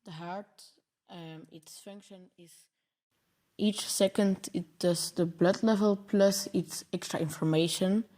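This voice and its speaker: A young man from Belgium, host of a programming channel, explains his coding project over slides and stumbles on longer words. His Belgian Dutch accent reflects his native Dutch, and his high voice is steady, slow, and darkish in tone.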